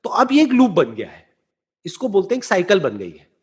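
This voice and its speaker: Male motivational speaker with a high register, measured and explanatory, mixes in English phrases. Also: huge pitch swings. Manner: slow, deliberate explaining with rhetorical check-ins. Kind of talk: explanatory talk answering a listener.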